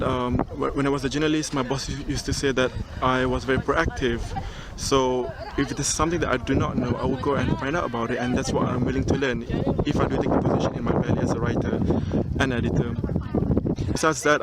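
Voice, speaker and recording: A young man recording a casual video cover letter outdoors on a mountain top, relaxed and chatty, with frequent ums and restarts. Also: medium pitch, a little fast. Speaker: job applicant. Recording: outdoor recording with clear background noise.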